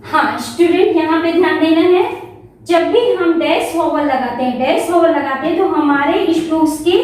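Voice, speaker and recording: A woman shorthand teacher giving a classroom lesson, slowly sounding out each vowel and repeating it. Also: high-pitched, darkish tone, heavy reverb, far from the mic. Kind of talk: classroom lesson, explaining step by step.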